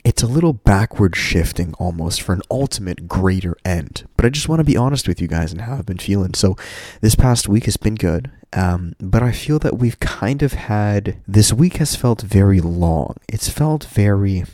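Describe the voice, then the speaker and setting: A man's voice: fairly low pitch, expressive, normal speed, warm tone, no echo, studio quality. A man hosting a casual solo podcast, talking in an informal, candid, rambling way to his listeners, with a slightly stuffy nose. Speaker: podcast host.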